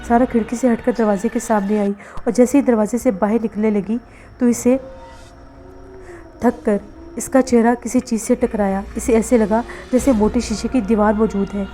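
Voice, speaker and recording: Woman narrating a horror novel. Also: a little high. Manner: steady, dramatic storytelling. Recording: faint background music.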